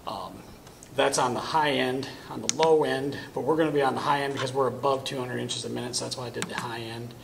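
Talking as his hands stay busy, a thirtysomething man gives a relaxed welding equipment demonstration against a curtain in a corner of a welding shop. His medium-pitched voice is steady, brisk and creaky with fry, on a rough recording with a little hiss or hum.

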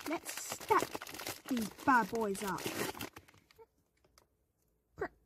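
A woman's voice: on the high side, animated, very slow, very noisy. A woman narrating a playful game vlog, adding silly sound effects and baby talk. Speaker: game vlogger.

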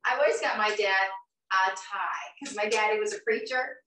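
Speaking at normal speed with a medium pitch and a sharp tone, this woman in her fifties runs a live cooking stream from her kitchen at home, with slight hiss or hum in the audio. She's upbeat, chatty and encouraging, and laughs often. The camera mic is far off, so the kitchen sounds roomy and distant.

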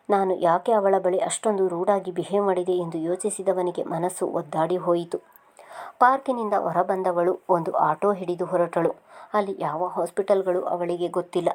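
A woman reading a serialized novel aloud with steady, emotive storytelling. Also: on the low side, moderate pace. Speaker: narrator.

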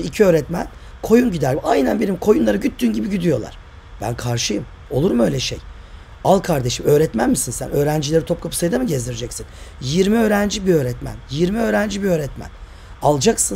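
Casting: older male guide, dark gravelly voice, opinionated vlog rant, faint noise behind. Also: a little high. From Turkey. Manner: emphatic, argumentative, rhetorical questions. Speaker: tour guide and author.

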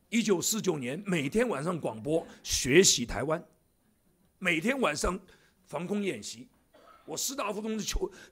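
A man's voice: fairly high pitch, gravelly, husky. A man in his seventies, a church elder, preaching a sermon in a church with jokey asides to the congregation. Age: 70s.

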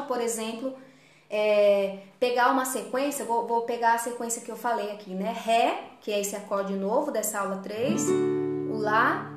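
A woman's voice: on the high side, roomy sound. A Brazilian woman teaching a live online guitar class, explaining each step patiently. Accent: Brazilian Portuguese. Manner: patient, explains step by step, vocalizes strumming beats.

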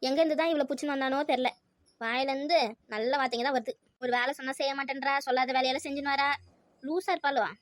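A woman's voice: high-pitched, fairly even intonation, quick pace, dry recording, clean studio sound. A woman in a comic family skit, scolding and exasperated as a mother-in-law.

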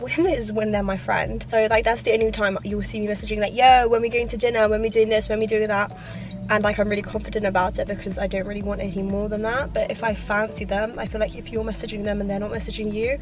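Young woman in her twenties, mukbang q&a, mid-pitch voice, says like a lot, talks through mouthfuls, faint music. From London, England. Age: 20s. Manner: chatty, leans on "like" constantly; talks while eating, mouth sometimes full. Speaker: YouTuber. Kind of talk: casual mukbang Q&A chat.

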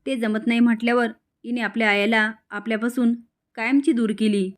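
A woman's voice: on the high side, steady tone, a little fast, close to an everyday voice. A woman voicing an angry middle-aged woman who shrilly accuses her family. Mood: angry accusing.

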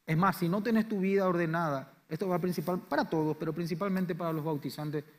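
A Paraguayan pastor with a slightly high voice preaches with fervor, rising to ringing declarations and then dropping low and soft. His voice rolls through a large church, trailing a long reverb. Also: steady tone, fast talker. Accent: Paraguayan Spanish. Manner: impassioned preaching, swings between loud declarations and quiet low lines. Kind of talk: sermon. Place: church sanctuary.

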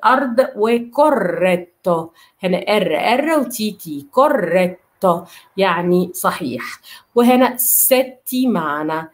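A woman with an Egyptian Arabic accent teaching an Italian pronunciation lesson. She repeats each word slowly and keeps checking that her students follow. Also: medium pitch.

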